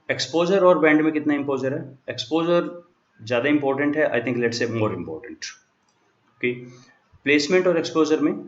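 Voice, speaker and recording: Male lecturer, walks through each step patiently, mid-pitched voice, echoey, slightly dull recording. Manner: explains step by step, mixing English terms into Hindi. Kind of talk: classroom lecture. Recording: echoey room, dull lo-fi sound.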